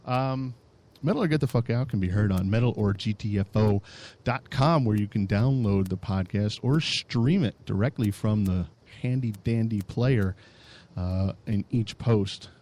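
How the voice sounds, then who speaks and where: A man's voice: lowish voice, unhurried, a little mellow. A man co-hosting a podcast, chatting in a rambling, laid-back, joking way. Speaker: podcast co-host. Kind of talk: casual chat.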